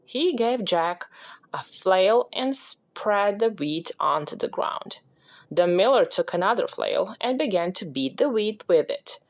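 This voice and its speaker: A woman reading a children's picture book aloud as a parent, with slow, expressive storytelling. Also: mid-range voice.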